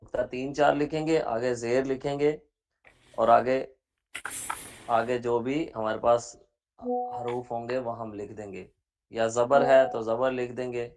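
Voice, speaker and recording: Man spelling out words slowly in a lesson. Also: mid-range voice, steady tone, darkish tone. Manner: spells out words letter by letter, slow and deliberate; patient, repeats examples. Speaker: Braille teacher. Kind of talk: online class lesson.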